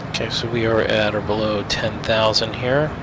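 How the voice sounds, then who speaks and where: A man with a fairly low voice speaks as if into a pilot's cockpit headset. He reels off checklist items and radio calls in a steady, matter-of-fact way. A loud engine drone runs beneath every word. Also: moderate pace. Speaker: pilot flying a simulated jet. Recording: loud engine noise behind the voice.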